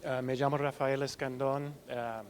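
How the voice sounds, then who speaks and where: A man from the United States with an American accent, a native English speaker, giving a presentation haltingly and hesitantly, searching for words in his second language. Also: mid-range voice, little pitch movement. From United States, Seattle. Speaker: researcher presenting a clinical trial. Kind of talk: presentation talk. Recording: hollow reverberant hall, faint noise.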